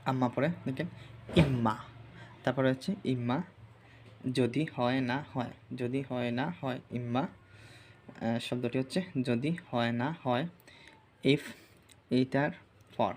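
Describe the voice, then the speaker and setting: A man runs an Arabic vocabulary lesson, drilling each word again and again with its meanings. His voice sits at an ordinary middle pitch. A faint hiss runs under the recording. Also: fairly even intonation, slow, pauses often, a little mellow. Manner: repetitive drilling, repeating each word several times. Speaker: Arabic teacher. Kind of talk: screen-share vocabulary lesson.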